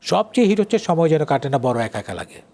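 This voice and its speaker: Speaking quickly with big pitch swings, an older lyricist and writer with a Bangladeshi accent talks as an interview guest in a somewhat high, warm, creaky voice. His casual explanations come with frequent checks that he's being followed.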